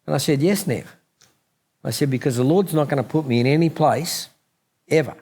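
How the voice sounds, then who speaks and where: A man's voice: a little high, quick pace, a little mellow, slightly rough. A middle-aged man, telling a personal story at church and acting out the dialogue, with many fillers. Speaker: guest speaker.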